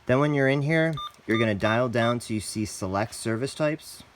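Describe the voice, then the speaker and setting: Speaking at normal speed with a medium pitch, a man hosts a product tutorial in a casual, plain instructional way and calls his audience "guys." The background is noisy.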